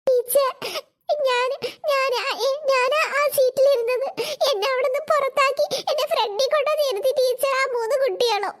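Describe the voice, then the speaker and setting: A woman voicing chattering young schoolgirls in a cartoon, giggling and gossiping quickly. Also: extremely high pitch. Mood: anxious. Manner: rapid excited chatter, squeals and giggles. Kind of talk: cartoon voice acting.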